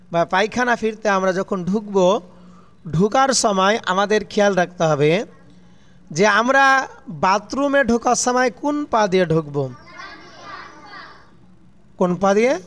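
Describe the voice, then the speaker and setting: Man with a high voice teaching kids, drawn out and slow, asks then answers himself. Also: fairly bright tone. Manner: asks questions and answers them in a falling tone. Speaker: religious teacher. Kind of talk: slow call-and-response lesson for children.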